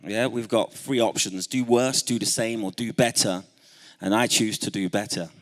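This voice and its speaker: A man's voice: lowish voice, fairly even intonation, normal speed. A man who works as a youth mentor and spoken word artist, giving a speech at a celebration event with a rhythmic, spoken-word delivery and calls for the audience to join in. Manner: rousing, calls on the audience to respond. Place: church hall event.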